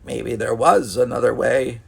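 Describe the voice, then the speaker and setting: A reproachful, argumentative crewmember, played by a man reading aloud. The tone is pointed and raised a little. The voice keeps a gravelly grain. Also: mid-range voice, steady tone, unhurried, exaggerated voice.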